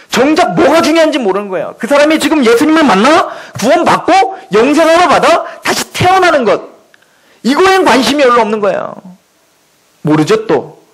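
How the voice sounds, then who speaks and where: A man's voice: very high voice, low-quality recording. A male pastor preaching a sermon in church, emphatic and full of rhetorical questions.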